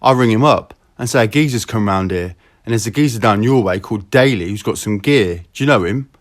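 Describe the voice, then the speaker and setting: A man with a southeast England accent chats casually on a recorded phone call, his language slangy and full of swearing. His voice is fairly low and his delivery brisk.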